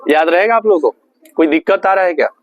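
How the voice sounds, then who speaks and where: A man teaching an English class, putting questions to the students, answering them himself, and slowing right down on the English phrases. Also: sits high, muffled recording. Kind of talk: classroom lesson.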